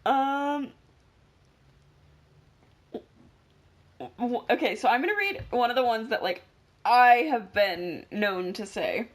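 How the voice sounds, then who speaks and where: Lively, rambling teenage girl. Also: a little high, slow, long pauses. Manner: rambling, self-correcting, jokey. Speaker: podcast co-host. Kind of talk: casual chat.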